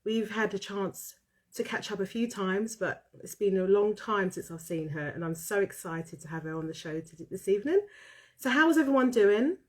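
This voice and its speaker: A British woman with a cold hosts a live online chat show over a video call, her voice nasal and congested yet expressive, mid-range and a little mellow at normal speed. She conducts the casual interview effusively, often repeating her phrases.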